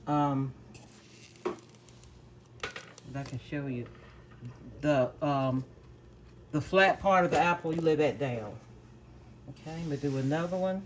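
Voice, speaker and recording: A woman's voice: sits low, slow pace, long pauses. Middle-aged woman, home cooking vlog host; firm with the dogs, plain step-by-step talk; faint dog noise behind. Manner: firmly scolds barking dogs, then explains steps plainly. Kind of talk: casual cooking demonstration. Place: home kitchen with dogs nearby.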